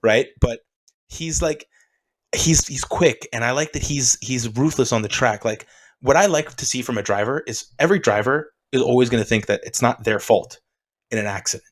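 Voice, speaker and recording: A man co-hosting a podcast, talking casually and with strong opinions, animated and dropping "dude" often. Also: medium pitch, normal speed, poor audio. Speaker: podcast co-host. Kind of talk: casual sports chat.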